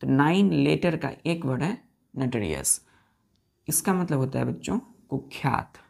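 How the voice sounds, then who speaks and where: Woman, Indian accent, gravelly voice, classroom vocabulary lesson, spells words letter by letter. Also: rumbling low, lively intonation, measured pace, a little mellow. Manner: spells words letter by letter and repeats questions to students. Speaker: English vocabulary teacher.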